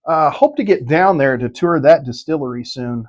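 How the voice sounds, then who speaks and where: A middle-aged man chatting casually through a whiskey tasting review, with a folksy, profane, halting delivery. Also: a little high, animated.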